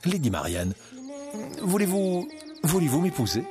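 A man voicing a brave, loving young outlaw in a storybook reading, earnest and gentle. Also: on the high side, very animated, moderate pace, music in the background, voice pushed up. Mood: warm.

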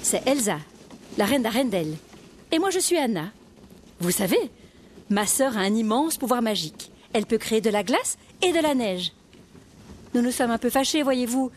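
A woman's voice: a little high, expressive, moderate pace, long pauses, slight background noise, natural voice. A woman voicing a spirited young princess who speaks earnestly and insistently, in a storybook recording. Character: spirited young princess searching for her sister. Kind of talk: storybook audio acting. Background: music.

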